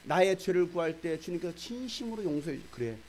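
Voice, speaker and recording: High, animated Korean pastor preaching. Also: male voice, brisk, a little hiss or hum. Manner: dramatic storyteller, quizzing the congregation. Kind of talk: sermon.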